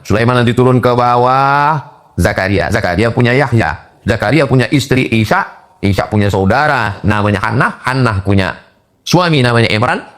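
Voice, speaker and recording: A middle-aged man preaching. He chants Arabic verses slowly, then explains them with jokes. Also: lowish voice. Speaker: Islamic preacher. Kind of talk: humorous sermon with Quran translation.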